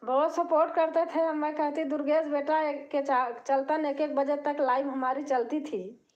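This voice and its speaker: A woman's voice: high-pitched, little pitch movement, unhurried, highs cut off. An older woman chatting casually with viewers on her live stream at home, breaking now and then into folk song. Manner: chatty, warm-hearted, breaks into folk singing.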